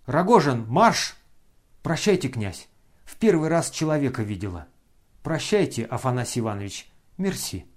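A man's voice: medium pitch, sing-song, moderate pace. A man reading an audiobook who voices a proud, reckless young woman, taunting and commanding those around her. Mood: scornful.

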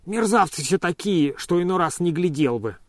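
A man's voice: high voice, animated, moderate pace, no room sound, pitched above the performer's own voice. Stubborn, lazy old male servant, grumbling, read by a man, dry close voice. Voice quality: grumbling, sluggish.

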